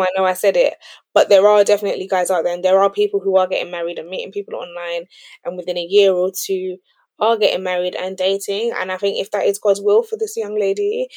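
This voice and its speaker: A woman co-hosting a podcast, giving advice in a measured, earnest, conversational way. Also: medium pitch, darkish tone, dry recording. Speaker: podcast co-host. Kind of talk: casual advice-giving chat.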